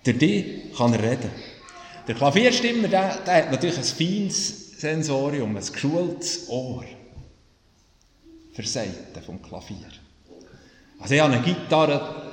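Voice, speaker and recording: Slow-speaking pastor in echoey church. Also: male voice, medium pitch, slight background noise. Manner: slow, reflective preaching with quoted scripture. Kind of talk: sermon. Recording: echoey church, far from mic.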